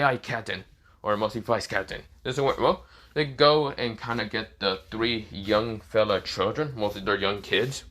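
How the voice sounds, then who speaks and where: A man's voice: medium pitch, fairly bright tone. A man improvising a fan story aloud, rambling and leaning on the same filler phrases. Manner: rambling, repeats "this is where, well".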